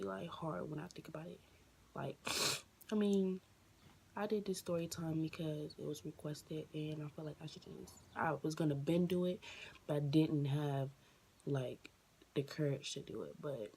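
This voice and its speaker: A woman telling a personal story on her vlog, emotional and near tears, halting with many fillers and restarts. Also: low voice, warm tone, a little hiss or hum. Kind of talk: casual storytime monologue.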